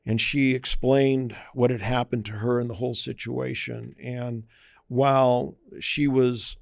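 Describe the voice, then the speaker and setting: A man's voice: medium pitch, little pitch movement, measured pace, gravelly, no room sound, studio quality. A man, a private investigator, talking through safety tips in a conversational podcast interview, often acting out quoted voices. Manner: conversational, acts out quoted voices, emphatic warnings.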